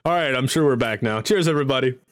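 A man running a livestreamed tabletop game as game master, with excitable, profanity-laced banter. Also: mid-range voice, fast talker, music in the background. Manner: excitable, swearing, laughing banter.

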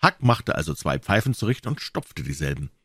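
A man narrating a classic novel with expressive storytelling. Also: very deep voice, normal speed, dry recording, studio quality. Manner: expressive storytelling, voicing the characters. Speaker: audiobook narrator.

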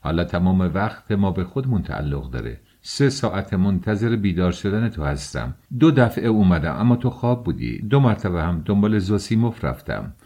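A man's voice: sits low, sing-song, few pauses, warm tone, heavily acted. A man reading the lines of an eager, talkative young friend who fusses over a sick companion in an audiobook. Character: cheerful fussing young male friend.

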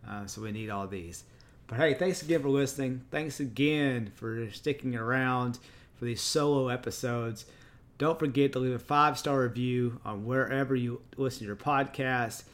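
A man's voice: mid-range voice, moderate pace. A man from Texas with a Texan accent, hosting a solo podcast in a casual, chatty way and correcting himself as he goes. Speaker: podcast host.

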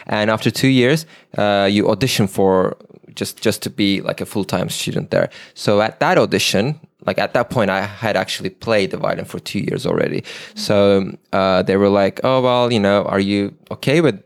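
A young man from Turkey speaks with a slight British accent, his Turkish roots under it. His lowish voice has a gravelly edge, and he wanders through his points with many false starts. The sound is close and dry. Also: fairly even intonation, dry recording. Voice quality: halting, meandering delivery with frequent restarts. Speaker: guest. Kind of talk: casual chat.

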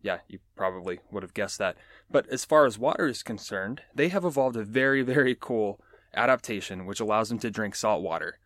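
A man's voice: on the low side, lively intonation, brisk, a bit bright, no room sound. A man hosting a nature show, explaining animal facts in a casual, joking way with chatty asides. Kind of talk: casual educational podcast talk.

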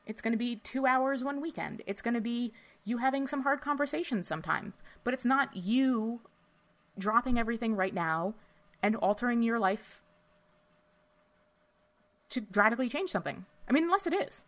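A woman's voice: fairly high pitch, animated, moderate pace, a bit bright. A woman co-hosting a podcast in casual chat, rambling with lots of filler words. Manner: chatty, lots of likes and you-knows. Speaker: podcast co-host.

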